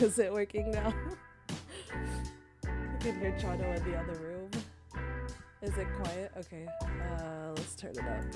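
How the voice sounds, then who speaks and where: A woman streamer chatting casually with a congested, worn-out voice, soft-spoken and full of ums. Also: mid-range voice. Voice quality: hoarse, voice worn out. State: congested, stuffed up. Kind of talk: casual livestream chat. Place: home room. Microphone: desk mic.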